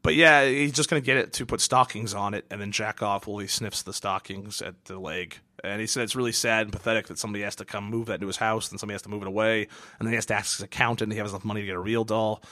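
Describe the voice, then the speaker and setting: A man's voice: on the low side, steady tone, very fast, pushed and bright. A man co-hosting a casual podcast, ranting and swearing with exasperation. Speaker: podcast co-host.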